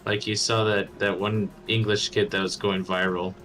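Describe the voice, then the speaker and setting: A man's voice: fairly low pitch, flat delivery, moderate pace, a bit bright, faint music behind, low-quality recording. A man in a casual gaming voice chat who rambles and trails off mid-sentence. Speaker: gamer on voice chat.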